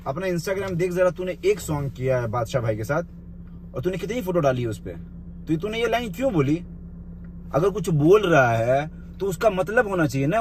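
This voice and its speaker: A man's voice: sits high, slight background noise. A man delivering a confrontational point-by-point rant to camera, bluntly scolding someone he addresses directly. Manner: scolding, addresses the listener with the blunt informal 'you'; point-by-point rebuttal. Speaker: vlogger responding to a rival's live video.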